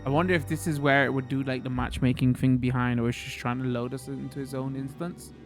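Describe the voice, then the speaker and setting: Male gaming host, medium pitch, casual and unsure, musing aloud over faint game music. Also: flat delivery, fast talker. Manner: hesitant, thinking aloud. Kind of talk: casual gameplay commentary.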